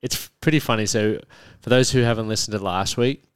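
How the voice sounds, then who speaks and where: An Australian man in his thirties with a broad accent co-hosts a podcast with his wife, chatting and telling stories in a laid-back, slangy, joking way. His fairly low voice is smooth and fairly quick, recorded in studio quality with no room sound.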